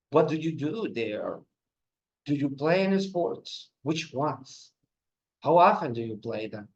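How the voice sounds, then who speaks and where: A man's voice: a little high, a little mellow. A man teaching an English lesson on video, giving instructions and modeling sentences. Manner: explains slowly and gives classroom instructions. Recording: dull lo-fi sound.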